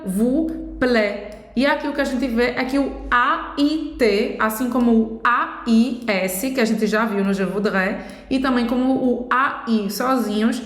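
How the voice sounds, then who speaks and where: A woman teaching a pronunciation lesson, explaining slowly and step by step. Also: fairly high pitch, faint music behind. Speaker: French teacher. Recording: echoey room.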